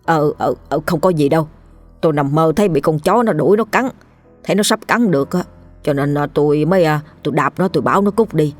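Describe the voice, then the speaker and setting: A woman's voice: deep voice, quick pace, faint music behind. A woman doing a flustered stammering old-style father. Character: flustered middle-aged father, guilty, jumpy.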